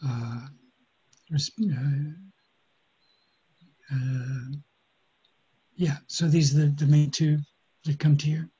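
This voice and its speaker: A man acting as a mediator, calmly paraphrasing what each side says, with many pauses and fillers, on a dull lo-fi recording. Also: on the high side, breathy edge. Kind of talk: guided mediation dialogue.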